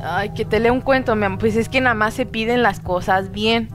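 A Mexican woman commenting casually on her gameplay, excitable and swearing freely, cooing pet names at an in-game baby. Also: on the high side, fairly quick, music in the background. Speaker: gameplay streamer.

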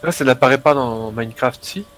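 A man's voice: medium pitch, a little fast, fairly bright tone, soft background music. A man in a casual voice chat, reacting to a game as it is played. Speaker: voice chat participant.

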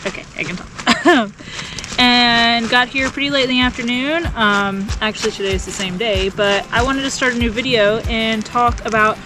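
A woman's voice: on the high side, moderate pace, rough recording. A young woman hosting her motorcycle travel vlog, chatting casually and upbeat to the camera, laughing easily. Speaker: motorcycle travel vlogger, host. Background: background music.

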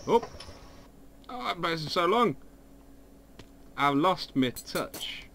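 Playful man gaming, bright voice. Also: a little high, lively intonation, drawn-out words. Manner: playful, exclaims and hums while playing. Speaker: gamer. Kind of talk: casual gaming chat. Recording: faint background noise.

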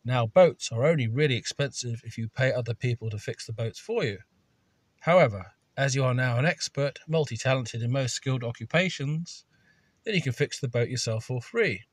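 A man's voice: mid-range voice, moderate pace, no room sound. Dry, wry man narrating. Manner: dry sardonic humour, opinionated. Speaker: video narrator. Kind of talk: scripted voice-over narration.

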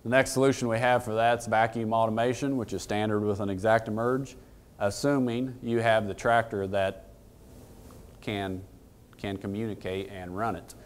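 A man's voice: fairly low pitch, steady tone, normal speed. A man in his thirties giving a casual technical talk to an audience in a conference room, plain-spoken and folksy, often asking the room questions. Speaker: equipment dealer presenter.

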